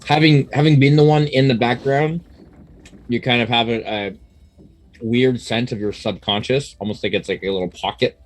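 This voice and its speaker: Male game master, low voice, improvising narration in a loose, conversational, stop-and-start style. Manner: casual, halting, conversational.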